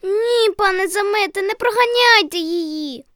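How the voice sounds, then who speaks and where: A woman voicing a tiny, polite, timid snowdrop flower with a high, thin little voice. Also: moderate pace, fairly bright tone, no echo, clean studio sound. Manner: polite, trembling.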